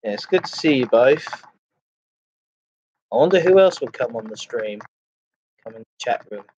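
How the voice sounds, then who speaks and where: A man hosting a casual livestream chat, greeting viewers in a halting, repetitive way. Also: medium pitch, animated, darkish tone, breathy edge. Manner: halting, repeats phrases. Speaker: live streamer, host of a chat and ASMR stream. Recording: dull lo-fi microphone sound.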